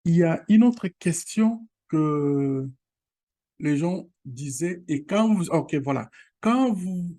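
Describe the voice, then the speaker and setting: With a fairly high, mellow voice, a man hosts a casual screen-share tutorial on his online course channel. He comes from the Congo region and Lingala is his first language. He keeps stopping, starting over and filling gaps, all while appealing directly to viewers.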